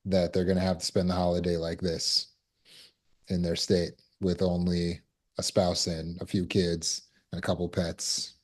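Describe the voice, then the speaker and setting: A man's voice: low voice, a little mellow. A man giving a conversational self-help talk as a trauma recovery coach, acting out scenes and quotes as he goes.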